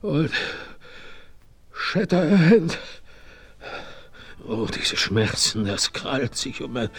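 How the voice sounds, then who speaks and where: Casting: dying old frontiersman, high strained husky voice, groaning and pleading, halting. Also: heavily acted. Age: older. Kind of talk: 1970s radio play acting.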